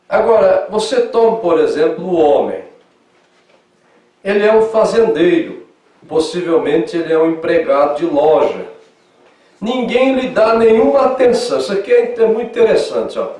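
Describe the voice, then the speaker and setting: A man with a southern Brazilian accent preaching in Sunday school, animated, swinging between loud emphasis and soft asides. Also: sits high, recorded from a distance. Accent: southern Brazilian Portuguese. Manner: acts out quoted dialogue in lively voices. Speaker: pastor. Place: church hall. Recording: echoey church hall, mic from afar.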